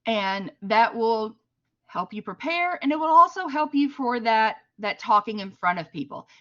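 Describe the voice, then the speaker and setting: A woman with a Southern US accent giving a chatty, unhurried webinar presentation, with many fillers. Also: medium pitch, pushed and bright, muffled recording. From American South. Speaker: library trainer. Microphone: computer mic at a desk.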